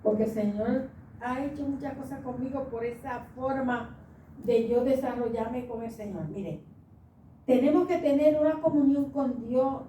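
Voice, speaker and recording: A woman's voice: fairly high pitch, warm tone, echoey room, recorded from a distance, a little hiss or hum, rough recording. A woman from the Dominican Republic with a Dominican accent, giving an emotional church testimony and often breaking into laughter and tears. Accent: Dominican Spanish.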